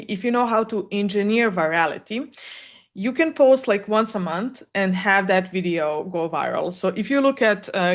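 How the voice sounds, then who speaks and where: A Serbian woman who speaks Serbian natively coaches on animation content in a solo Q&A advice talk. Her medium-pitched voice is candid, and she thinks aloud with frequent fillers.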